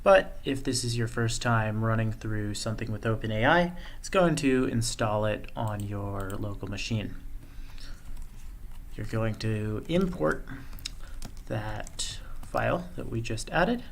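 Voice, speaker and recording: Gravelly-voiced man walking through code. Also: fairly low pitch, measured pace, a little hiss or hum. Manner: thinks aloud, relaxed, with fillers. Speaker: coding tutorial presenter. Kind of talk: screen-share coding walkthrough.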